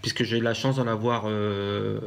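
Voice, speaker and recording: A man's voice: fairly low pitch, little pitch movement, measured pace, gravelly. Hesitant French man chatting casually. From France. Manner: hesitant, many fillers and restarts. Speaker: vlogger. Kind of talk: casual craft haul vlog.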